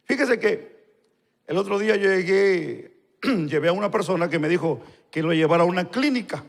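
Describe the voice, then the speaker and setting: A male pastor, telling a story in a live sermon and acting out the dialogue in quieter voices. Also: sits high, animated, normal speed, vocal fry. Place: church hall. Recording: long church-hall reverb.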